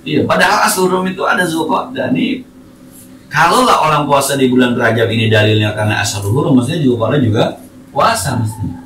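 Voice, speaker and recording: A man's voice: medium pitch, animated, fairly quick, fairly bright tone, far from the mic. A man preaching, chatty and teasing as he weaves Arabic quotes into plain colloquial talk. His voice fills a reverberant mosque hall and sounds set back from the mic. A faint hum of room ambience sits under it. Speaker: religious teacher. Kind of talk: mosque study lecture.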